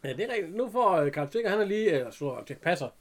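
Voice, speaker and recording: A man's voice: sits high, very animated. A man chatting casually while watching a film, chuckling often and retelling scenes. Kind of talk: casual chat.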